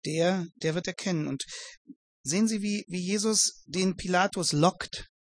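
A man's voice: high-pitched, measured pace, no room sound, clean studio sound. A man preaching a Bible exposition sermon, earnest, addressing his listeners formally and building emphatic repetitions.

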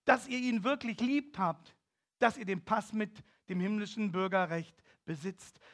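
A man's voice: sits high, expressive, measured pace. A man preaching a sermon, reading a story aloud and driving key phrases home with emphatic, swelling declamation. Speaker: pastor.

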